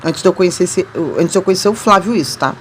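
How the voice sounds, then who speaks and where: Chatting casually with viewers, a Rio de Janeiro woman recounts her love story in Rio-accented Brazilian Portuguese, often breaking into laughter between sentences. Her voice is on the low side and quick, and there's a slight hiss or hum.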